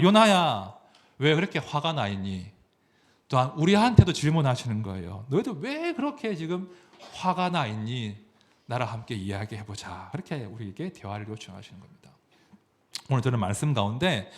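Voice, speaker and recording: A man, a pastor, preaching a sermon, asking the congregation questions as he goes. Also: mid-range voice.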